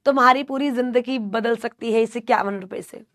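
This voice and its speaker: A woman's voice: fairly high pitch, a little fast, a bit bright. A young woman teaching an online class with a sore throat, drilling her students with call-and-response and teasing scolds.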